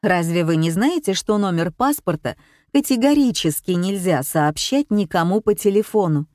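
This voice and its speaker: A woman's voice: fairly low pitch, expressive, normal speed, darkish tone, no room sound, clean studio sound, close to an everyday voice. A woman reading a pushy bank caller. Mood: urgent. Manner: firm and urgent. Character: pushy, official-sounding bank caller on the phone. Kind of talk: audiobook character reading.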